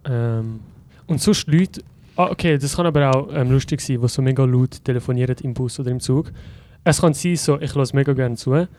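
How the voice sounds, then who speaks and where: A man's voice: medium pitch, fairly quick, few pauses, a little mellow, slight background noise. A young man co-hosting a podcast, rambling through chatty stories in casual conversation. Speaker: podcast co-host. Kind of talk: casual chat.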